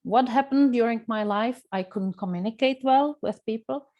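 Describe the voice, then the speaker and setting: A woman's voice: fairly high pitch, moderate pace, lo-fi sound. A middle-aged woman from Czechia with a Czech accent, speaking earnestly as a coach in a webinar. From Czech Republic. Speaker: coach and lecturer. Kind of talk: webinar talk. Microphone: video call.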